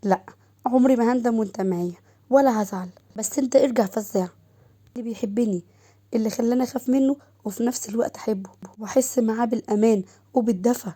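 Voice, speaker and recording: A woman with an Egyptian accent voicing a jealous, hot-tempered young wife who flares up in shrill outbursts. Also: quick pace, dark tone, lightly acted. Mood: pleading.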